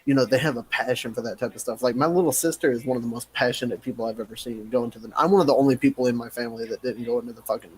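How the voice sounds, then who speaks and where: A man's voice: mid-range voice, steady tone, rapid-fire, few pauses. A man who makes gaming content, rambling emphatically and swearing constantly in a casual podcast chat.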